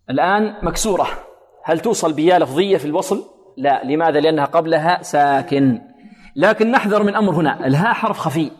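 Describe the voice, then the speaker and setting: A man teaching Quran recitation, quizzing listeners with questions and repeating words slowly to model pronunciation. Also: a little high. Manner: quizzes listeners with prompt questions, then answers. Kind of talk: recitation lesson with recited examples. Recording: long hall reverb.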